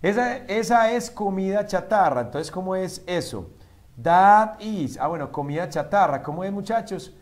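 Man, teacher, slightly high-pitched voice, patient, slow careful examples, quizzes students. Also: animated. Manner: often checks in with a quick "¿sí?". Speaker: English teacher. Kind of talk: online classroom lesson.

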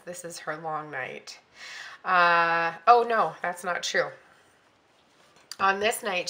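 A middle-aged woman casually talking through her weekly plans, thinking aloud with frequent ums and quick self-corrections. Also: lowish voice, pushed and bright. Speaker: planner vlogger. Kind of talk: casual planning walkthrough.

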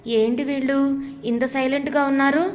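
A woman's voice: high-pitched, steady tone, normal speed, lightly acted. A woman voicing a caring, easily worried young wife and mother in a storybook reading, with a long hall reverb. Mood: fretful. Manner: fretful, tender.

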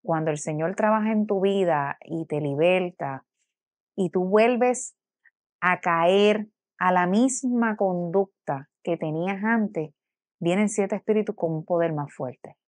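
A woman's voice: lowish voice, slow pace, a little mellow, no echo. A woman giving an earnest personal religious testimony, acting out her own past words as she tells the story. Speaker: church testimony speaker.

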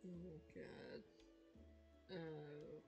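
A woman's voice: deep voice, level tone, drawn-out words, music in the background. A woman streaming a game late at night, tired, reacting to it with frequent laughter and exclamations. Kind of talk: live gameplay commentary.

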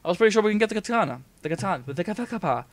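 Racing along in a high, expressive voice, a young man gives casual let's-play commentary on a shooter game. He's in a small room at home, chatting with viewers through a desk mic while rambling and swearing freely.

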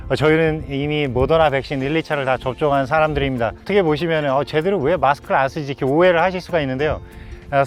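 A man with a fairly high voice hosts a travel vlog from a mountain top. He speaks in formal, polite presenter phrases broken by exclamations of wonder. Soft music plays behind him. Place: outdoors on a windy mountain top.

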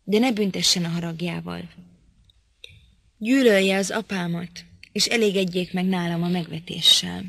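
A woman voicing a frail young man who begs and whimpers in a low, hushed voice. Each line sounds frightened and self-pitying. The audiobook recording is dry and close. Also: steady tone, vocal fry, no echo. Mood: pleading. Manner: pleading and whimpering. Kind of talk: audiobook character reading.

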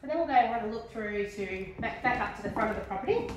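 A woman's voice: on the high side, expressive, fast, far from the mic. A middle-aged woman with an Australian accent guiding a walking tour through a house, speaking enthusiastically. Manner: enthusiastic, gushing. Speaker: prize home tour guide. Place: large furnished house indoors. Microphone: handheld camera following her. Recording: roomy echo, off-mic at times, noisy.

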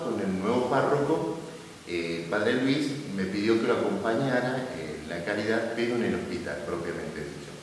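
A man in his fifties with an Argentine Spanish accent, a permanent deacon speaking calmly and reflectively to the camera. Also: fairly low pitch. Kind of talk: spoken testimony to camera. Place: small indoor room with yellow walls. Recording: echoey room, distant mic, noise.

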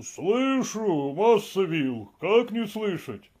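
A man doing a slow, timid old servant. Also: high voice, big pitch swings, a little mellow, husky, voice pushed up, full character voice. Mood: wary. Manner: slow, drawn-out, plaintive speech. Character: old male servant, timid and grumbling, high in a tree. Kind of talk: audiobook character voice.

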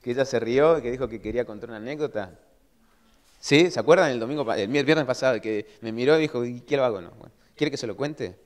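A man preaching a sermon as pastor, telling stories in a lively way and acting out his own shouts. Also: mid-range voice, fast talker. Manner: animated storytelling, acts out his own shouting. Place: church hall. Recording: long church hall reverb.

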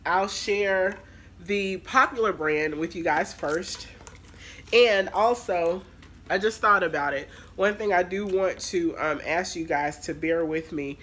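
In a slow, lowish voice with a fairly bright tone, a woman chats her way through a rambling shopping haul vlog. Allergies leave her congested and nasal, fillers crowd her speech, and a little hiss or hum sits under the recording.

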